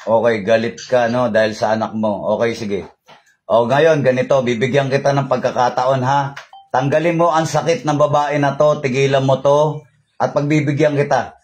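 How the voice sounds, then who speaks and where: A man's voice: mid-range voice, fairly even intonation, normal speed, a little mellow. A man leading a remote healing prayer over a call, chanting prayers and then questioning a spirit in a commanding voice, repeating his questions. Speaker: faith healer.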